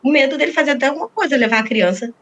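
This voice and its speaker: Fast-talking woman telling her story. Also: sits high, a bit bright, slight background noise. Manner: rapid, acts out quoted dialogue. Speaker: interviewee. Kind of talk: emotional personal account.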